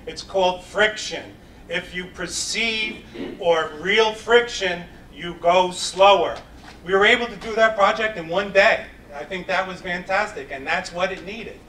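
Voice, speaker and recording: A man with a high, bright voice and a New York accent makes an earnest, plainspoken campaign appeal. He is picked up from across an echoey meeting hall, faint noise underneath. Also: a little slow. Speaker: town candidate. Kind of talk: campaign debate statement. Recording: echoey room from a distant mic, faint noise.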